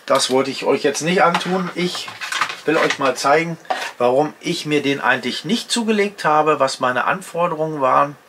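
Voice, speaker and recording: Speaking at normal speed in a voice on the high side, a fifty-something outdoor gear channel host talks viewers through each step at his home workbench. It's a casual vlog, and background noise can be heard.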